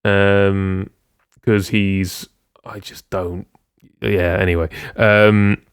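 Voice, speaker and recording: Guy rambling on a music podcast, kinda low, smooth voice, ums everywhere. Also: little pitch movement, drawn-out words, dry recording, clean studio sound. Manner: rambling, many ums and restarts. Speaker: podcast co-host. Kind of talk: casual music discussion.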